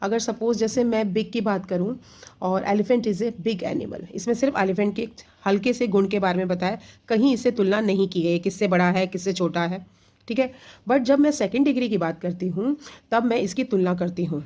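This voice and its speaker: A woman's voice: mid-range voice, moderate pace, warm tone. A woman teacher giving an exam-prep grammar lesson to children, explaining patiently step by step in Hindi mixed with English, often asking a question and then answering it herself.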